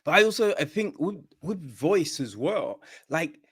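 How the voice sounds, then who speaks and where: A podcast host interviewing a guest tells stories casually, acting out quoted lines with lots of energy as an animated storyteller. His voice is fairly high and slightly rough, at a measured pace.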